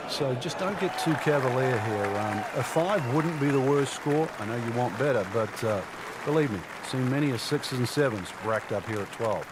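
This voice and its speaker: A man's voice: medium pitch, animated, moderate pace, crowd noise, noisy background, close to an everyday voice. A man playing an easygoing golf analyst, giving conversational colour commentary with plenty of ums. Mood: advising, conversational. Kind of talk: conversational golf commentary for a video game broadcast. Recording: music behind voice. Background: music.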